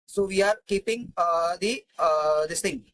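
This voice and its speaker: A man walks through spreadsheet formulas in a screen-recorded tutorial. He talks in a halting, think-aloud way, with frequent fillers and restarted phrases. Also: high-pitched, a bit bright, no room sound, poor audio. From India. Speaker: Excel tutor.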